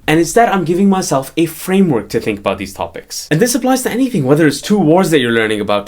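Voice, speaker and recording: Earnest young man explaining study methods. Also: on the high side. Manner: earnest and explanatory, leaning on key points. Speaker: study-skills YouTuber and doctor. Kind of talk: educational video talk to camera.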